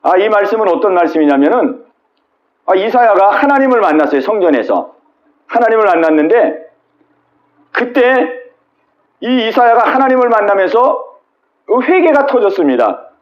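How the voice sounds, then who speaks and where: A man's voice: high voice, very animated, moderate pace, long pauses, muffled recording. A male pastor preaching a Wednesday sermon at a small church, retelling scripture with dramatic quoted voices and asking the congregation questions.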